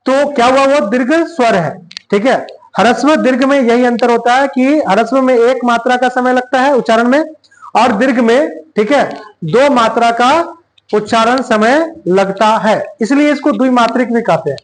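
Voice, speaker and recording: A male teacher giving a grammar lesson, dictating slowly and repeating phrases word by word. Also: very high voice.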